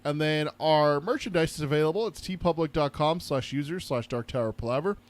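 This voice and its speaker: A man's voice: on the high side, brisk. A man co-hosting a podcast, speaking in a casual, informal, teasing way. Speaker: podcast co-host.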